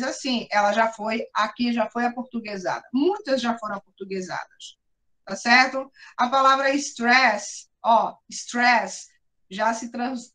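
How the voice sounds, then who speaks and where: A Brazilian Portuguese woman teaching a class in a high voice. She explains step by step. She keeps checking that her students follow along. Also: fairly bright tone. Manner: explanatory, often asks for agreement and addresses the class directly.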